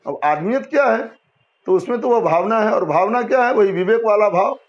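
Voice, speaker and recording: A man's voice: sits high, lively intonation, fairly quick. A man teaching a Hindi language lesson to students, explaining patiently and often asking and answering his own questions. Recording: dull lo-fi sound.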